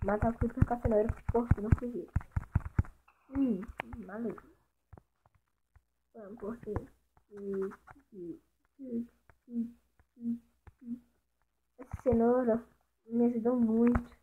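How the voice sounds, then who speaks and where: A woman's voice: fairly high pitch, fairly even intonation, unhurried, long pauses. A woman chatting casually through Minecraft gameplay, talking to the animals and to her viewers as she plays. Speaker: gaming channel host. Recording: tinny lo-fi mic with faint hiss.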